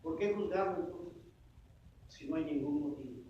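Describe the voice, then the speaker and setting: A man's voice: on the high side, moderate pace, slight background noise. A man preaching a sermon as pastor, asking the congregation questions and calling them brothers. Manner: call-and-response questions to the congregation; addresses listeners as brothers. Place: church sanctuary. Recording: echoey distant dull church recording.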